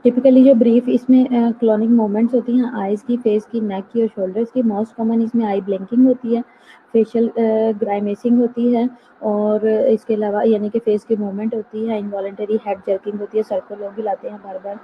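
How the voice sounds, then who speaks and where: A woman teaching a nursing class online, explaining terms patiently and slowing down to read out English definitions. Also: mid-range voice, little pitch movement. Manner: explanatory, mixes English terms, reads slowly from notes. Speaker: nursing lecturer. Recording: tinny phone-like line, faint noise.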